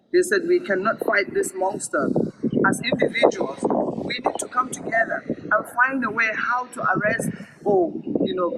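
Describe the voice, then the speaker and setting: A woman reads a story aloud to children with emphatic drama, echoing phrases for effect. Her voice sits on the high side, the mic is far away, and heavy background noise fills the recording.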